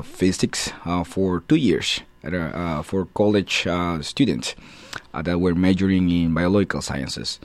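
Low-voiced man. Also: darkish tone, no echo. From Guatemala. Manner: hesitant, many filler sounds. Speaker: guest, assistant professor. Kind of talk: radio interview answers.

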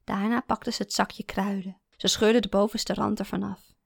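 A woman narrating a first-person literary story in a calm, measured way. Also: medium pitch, gravelly, breathy edge, dry recording, studio quality.

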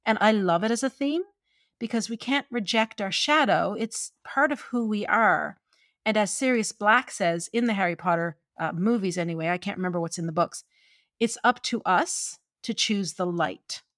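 A woman from gives conversational opinion commentary on film, expressive and opinionated, with wry asides. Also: mid-range voice, normal speed, no room sound, studio quality. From Newfoundland, Canada.

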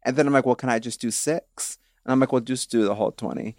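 A woman co-hosting a podcast in casual chat, telling stories with animated laughter. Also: a bass voice, fast, no room sound, studio quality. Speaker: podcast co-host.

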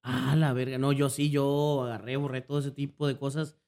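At a moderate pace and medium pitch, a man with a Mexican accent spins stories as a guest content creator on a laid-back podcast. He uses lots of slang and fillers.

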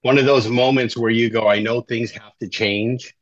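A man's voice: medium pitch, fairly even intonation, normal speed. A middle-aged man from Southern California, a life coach telling his story as a guest in an interview, in a conversational way that keeps tagging lines with "right?". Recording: dull, slightly lo-fi dry audio.

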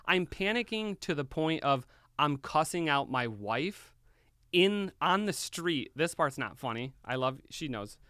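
A young man telling a story in casual chat, animated and swearing freely. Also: fairly high pitch, unhurried, clear, resonant tone, dry recording, studio quality. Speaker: podcast guest.

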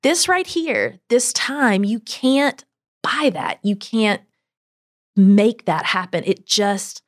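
A woman speaks conversationally as an interview guest. Her voice sits in the middle range, and she tells stories informally, with animated emphasis. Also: mid-range voice, slow. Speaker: podcast guest, travel business owner.

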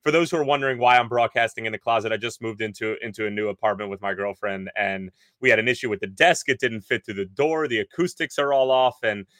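A man co-hosting a casual sports podcast, recording from inside a clothes closet at home and breaking down the news with quick energy. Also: lowish voice, a bit bright, no room sound. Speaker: podcast co-host. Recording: dry, deadened closet sound.

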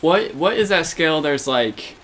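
A man in casual chat, talking haltingly with frequent stammers, restarts and fillers. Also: a little high, animated, a bit bright, slight background noise.

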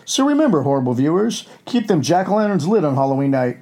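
Man as a dark-toned, hammy wolfman horror host. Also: fairly high pitch, sing-song, fast. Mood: gleeful, ghoulish. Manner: hammy, alliterative, storytelling. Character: flatulent furry wolfman horror host, gleefully crude. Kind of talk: scripted campy horror-show hosting.

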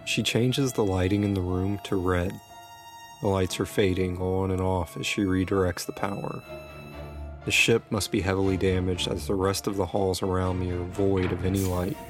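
A man narrating a first-person scripted horror story in a steady, suspenseful way. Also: deep voice, moderate pace. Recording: music bed behind narration.

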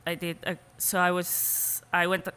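A woman from Spain with a Spanish accent, a guest speaking thoughtfully in a relaxed interview and laughing easily. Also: on the low side, unhurried, smooth, long reverb tail. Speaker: cheesemaker guest. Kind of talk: casual interview conversation.

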